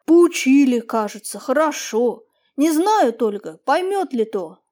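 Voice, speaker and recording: A woman's voice: high-pitched, animated, normal speed, darkish tone, voice pushed up. A woman reading an audiobook, voicing an older peasant man who speaks plaintively and deferentially. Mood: sorrowful. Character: older peasant man, meek, sorrowful, fawning.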